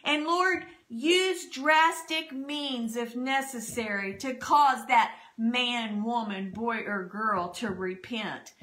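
Praying fervently and citing scripture verses, a woman pastor delivers spoken prayer and testimony for a church broadcast. Her voice is bright, a little high, and slow. She records from her home dining room using a desk podcast microphone.

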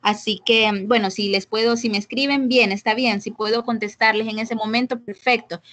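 Speaking at a normal speed, this woman has a fairly high, slightly bright voice and a steady tone. With a Salvadoran Spanish accent, she quizzes students in an English class held over video call, switching languages between Spanish and English. A computer mic on the call captures her.

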